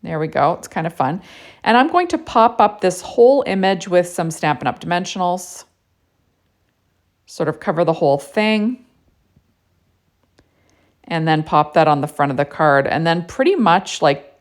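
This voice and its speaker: A woman's voice: sits low, lively intonation, a little slow. A woman narrating a casual card-making tutorial in a chatty way, with lots of "you know" and "right?".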